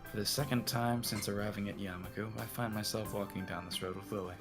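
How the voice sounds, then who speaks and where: A man narrating a visual novel in a put-on cowboy drawl. His voice sits very low and has a gravelly edge, with faint music playing under the reading. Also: fairly even intonation, fast. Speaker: narrator and lead reader.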